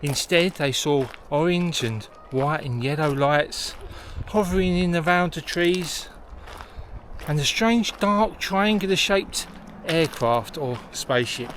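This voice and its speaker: Hosting a vlog outdoors in a forest, this man explains things as he goes in a slightly high, fairly bright voice, taking his time. Noisy location sound surrounds him.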